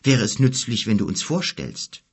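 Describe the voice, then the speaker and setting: A man's voice: on the high side, very animated, moderate pace, fairly bright tone, slightly rough, voice pushed up, heavily acted. A man voicing a small, uneasy male traveller who talks hesitantly and wryly. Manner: hesitant, wry, sighing.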